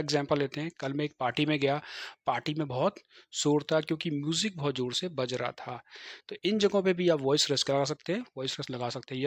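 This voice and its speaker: Male English teacher, Hindi accent, slightly high voice, dry close sound, call-and-response drilling. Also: fairly bright tone, no room sound. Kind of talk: classroom lesson.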